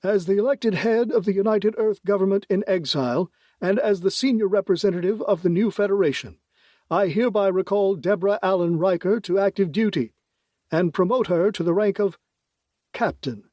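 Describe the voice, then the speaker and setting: A man's voice: high-pitched, moderate pace, mellow, dry recording, clean studio sound, voice pushed up, natural voice. A man voicing a formal male career politician in an audiobook, speaking in a ceremonious, official tone. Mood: ceremonial.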